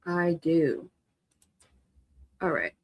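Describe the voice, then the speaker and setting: Animated chatty woman hosting a live stream. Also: low-pitched, creaky, slightly rough. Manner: animated, chatty, quick to laugh. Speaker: livestream host. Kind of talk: casual live reaction chat.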